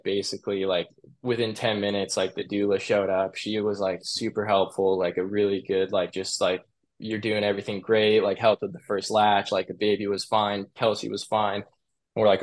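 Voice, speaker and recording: A young man casually telling a story, rambling and profane, filling nearly every phrase with "like". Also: fairly low pitch. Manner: profane, animated retelling.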